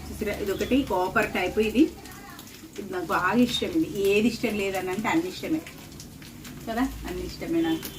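A woman's voice: mid-range voice, a little fast, pauses often. Chatty Telangana woman in a noisy, roomy kitchen. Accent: Telangana Telugu. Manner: chatty, rambling, repeats herself. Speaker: home cooking vlogger. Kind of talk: casual chat while cooking. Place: indoor home kitchen. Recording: roomy, distant mic, clear kitchen sizzle. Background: sizzling oil, clattering pots and pans.

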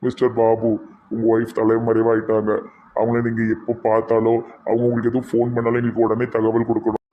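A man's voice: medium pitch, monotone, fast talker, narrow, tinny audio, slight background noise, lightly acted. A man playing a stern village policeman who gives brusque orders to the family, speaking with a Kanyakumari Tamil accent in a comedy skit. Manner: brusque, commanding.

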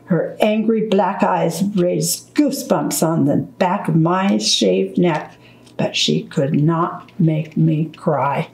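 A woman reading a children's book aloud at storytime, slow, deliberate and gentle. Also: fairly low pitch, vocal fry, echoey room, poor audio. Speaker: storytime reader.

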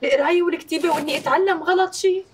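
An actress playing an eager young Syrian daughter who pleads to be allowed to study, speaking earnestly with a Syrian Arabic accent. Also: female voice, extremely high pitch, racing, crowd noise. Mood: pleading. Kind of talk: TV drama acting.

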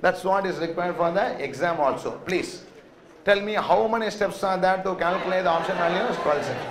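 South indian guy w tamil accent lecturing, kinda high voice, keeps repeating and asking questions, roomy echo. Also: normal speed, fairly bright tone, a little hiss or hum. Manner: repeats phrases and checks with rhetorical questions. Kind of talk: classroom lecture. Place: indoor classroom, talking to students.

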